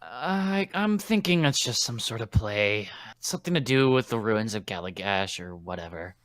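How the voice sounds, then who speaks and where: A man's voice: lowish voice, lively intonation, normal speed, fairly bright tone, no room sound. A man narrating as game master of a tabletop game, rambling with many fillers and restarts.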